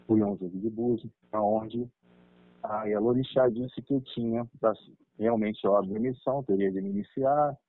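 A middle-aged man tells a personal spiritual story, lively, chuckling and acting out the dialogue. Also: medium pitch, no echo. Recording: tinny dry phone-like line.

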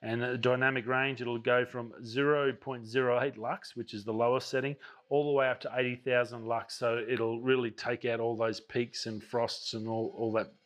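A man talks about camera gear in a loose, enthusiastic, off-the-cuff way. He sounds out of breath as he walks and talks through his daily vlog, and his voice sits at an ordinary middle pitch. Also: flat delivery, moderate pace. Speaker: vlogger. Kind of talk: casual chat about camera news.

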